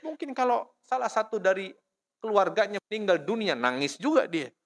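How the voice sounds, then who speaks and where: A man's voice: high-pitched, animated, normal speed. A man from Indonesia giving a storytelling lecture in a mosque, often checking in with his listeners with "ya" and "Pak". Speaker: preacher.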